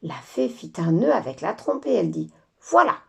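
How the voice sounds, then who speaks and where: A woman teacher reading children's stories aloud with lively, expressive storytelling. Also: fairly low pitch, moderate pace, gravelly, slightly rough.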